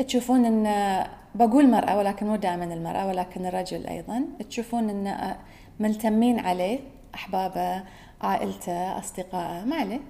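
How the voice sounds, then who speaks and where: Fast-talking Gulf Arabic woman. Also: medium pitch, vocal fry, warm tone. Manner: earnest, musing, self-correcting. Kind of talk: reflective solo talk.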